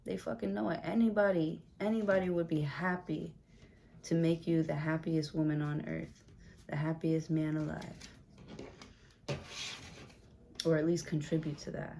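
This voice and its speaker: Blunt, lower-voiced woman reading tarot. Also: fairly even intonation, unhurried, long pauses, warm tone, a little hiss or hum. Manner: blunt, profane, chatty. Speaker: tarot reader. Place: room with a window open.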